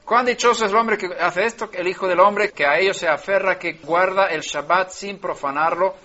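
A man teaching scripture verse by verse, restarting words mid-phrase and rising in pitch and loudness when he stresses a verse. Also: normal speed. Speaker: Bible teacher. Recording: lo-fi dull recording.

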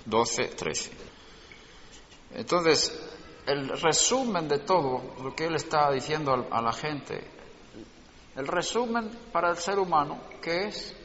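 A man's voice: fairly high pitch, lively intonation, slow pace, fairly bright tone, slight background noise. A man teaching a religious class, explaining and putting rhetorical questions to his students. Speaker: Torah teacher. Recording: dull lo-fi recording in an echoey hall.

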